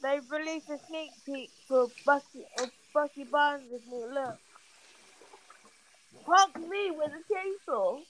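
High-voiced woman in casual banter. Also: takes it slowly, fairly bright tone, slight background noise, poor audio. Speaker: podcast co-host. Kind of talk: casual chat.

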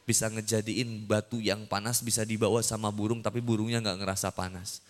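A man's voice: fairly low pitch, little pitch movement, fairly quick. A man giving a casual, humorous sermon to young people, teasing the audience with playful questions. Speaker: preacher. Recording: long hall reverb.

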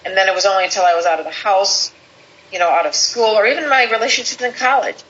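A woman guest telling a personal story in conversation, animated, quoting people in lively voices. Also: mid-range voice, fast talker. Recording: slightly dull lo-fi audio with faint background hiss.

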